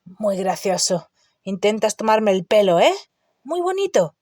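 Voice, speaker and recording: Hagrid, a woman voicing a gruff, growling giant. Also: mid-range voice, sing-song, a little slow, a little mellow, no room sound, clean studio sound. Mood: grumbling. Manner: growling, roaring, grumbling. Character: huge gruff half-giant gamekeeper man. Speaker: audiobook character.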